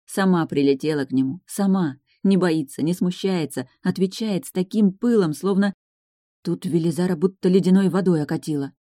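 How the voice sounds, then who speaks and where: A woman reading a fantasy romance audiobook aloud, in calm, measured storytelling. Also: on the low side, no echo, clean studio sound. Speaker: narrator.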